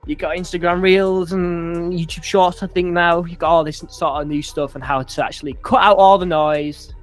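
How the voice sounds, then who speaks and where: A young man hosting a podcast, chatting casually and swearing now and then. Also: fairly high pitch. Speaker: podcast host.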